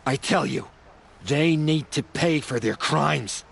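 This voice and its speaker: A man playing an aggrieved, excitable herb gatherer in a video game, with a dramatic, indignant delivery. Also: fairly high pitch, takes it slowly, gravelly, slight background noise, exaggerated voice. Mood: bitter warning. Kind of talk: video game dialogue acting.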